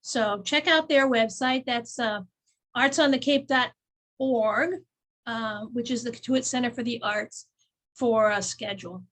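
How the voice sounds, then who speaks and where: A woman with a fairly high voice co-hosts a relaxed community events show. She chats in a loose, friendly way, laughs often and reads event listings aloud. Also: measured pace. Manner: chatty, laughs easily, reads event blurbs. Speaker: chamber of commerce co-host. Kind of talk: casual community events chat.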